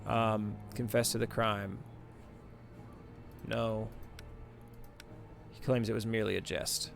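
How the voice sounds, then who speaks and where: A man with a fairly low, gravelly, level voice hosts a gaming video, speaking slowly. He reads the game's text aloud and mutters casual commentary to himself as game music plays behind him.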